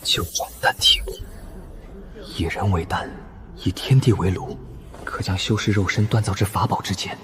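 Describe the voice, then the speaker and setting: A man's voice: deep voice, normal speed, heavy background noise, natural voice. An actor voicing a young male apprentice cultivator, thoughtful and earnest.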